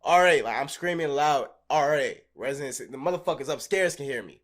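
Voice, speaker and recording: A young man co-hosting a podcast, telling profane, animated stories and acting out scenes in casual chat. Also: medium pitch, a little fast. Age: young adult. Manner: profane, animated storyteller who acts out scenes. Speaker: podcast co-host.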